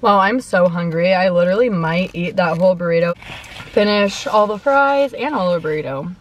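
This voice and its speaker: A woman's voice: lowish voice, moderate pace, slight background noise. A young woman telling a story in casual chat between bites of food, peppering her talk with "like", recorded in a parked car. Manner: chatty, heavy use of "like", talks between bites. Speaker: mukbang vlogger. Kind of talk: casual storytime while eating. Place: parked car in a parking lot.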